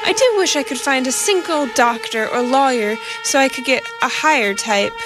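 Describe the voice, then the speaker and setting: A woman putting on a gushing high-society lady. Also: animated, normal speed, music in the background. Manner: airy, gushing, elegantly casual. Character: affected, boastful society lady, grown woman.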